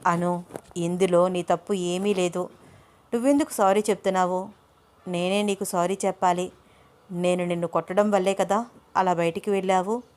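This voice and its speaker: A woman's voice: on the low side, steady tone, normal speed, long pauses, darkish tone, natural voice. A woman voicing an earnest young man in love. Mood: reassuring. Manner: pleading, insistent. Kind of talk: audio story character voice.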